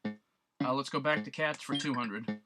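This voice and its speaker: Speaking at a measured pace in a medium pitch, this let's play gamer reads a retro quiz game's clues out loud and cracks jokes about his own guesses. Loud, beeping chiptune game music sits under his voice throughout.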